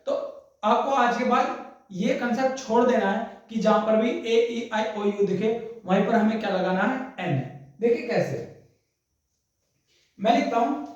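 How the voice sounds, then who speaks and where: A man's voice: sits high, measured pace, long pauses, dull audio. A male grammar teacher giving a classroom lesson. He repeats each point, asks his students rhetorical questions and calls them "brother". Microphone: distant microphone. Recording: very echoey room, far from mic.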